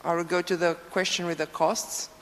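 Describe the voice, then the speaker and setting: Speaking English with a Romanian accent, a woman on a conference panel answers frankly, unhurried and self-assured, in a lowish, level voice. She sounds distant in a large, reverberant hall, using a table microphone that sometimes cuts out.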